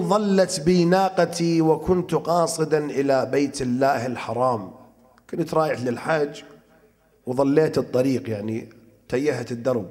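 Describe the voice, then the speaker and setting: A man preaching a religious lecture, telling a story and reciting verse in a measured, drawn-out way. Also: fairly high pitch, long reverb tail.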